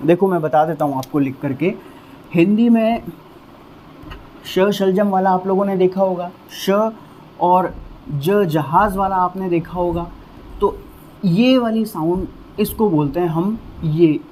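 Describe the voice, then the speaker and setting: A man teaching English vocabulary in Hindi, explaining patiently and drilling each word with slow repetitions. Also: high voice, warm tone, a little hiss or hum.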